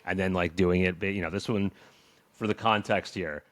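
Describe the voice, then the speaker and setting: A man's voice: low voice, fairly even intonation, normal speed, no echo. A man co-hosting a podcast in loose, chatty talk, laughing often and leaning on "like" fillers. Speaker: podcast co-host. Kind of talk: casual tech chat.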